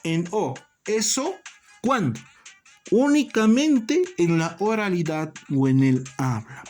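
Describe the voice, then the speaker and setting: A language teacher giving a recorded lesson, speaking deliberately, repeating key terms and calling the listeners brothers and colleagues. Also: medium pitch, lively intonation, darkish tone, soft background music.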